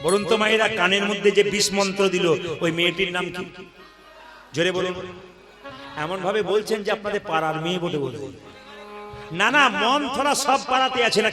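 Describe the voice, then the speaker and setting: Male kirtan performer: high-voiced devotional storytelling sermon, music behind. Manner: exhorting the audience directly.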